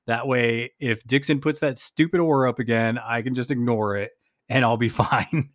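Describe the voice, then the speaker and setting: A man with a mid-pitched voice hosts a relaxed game recap. He rambles, thinking aloud and quoting his own thoughts. The sound is dry, with little room in it. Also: moderate pace, dry recording. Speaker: podcast host. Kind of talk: casual game recap chat.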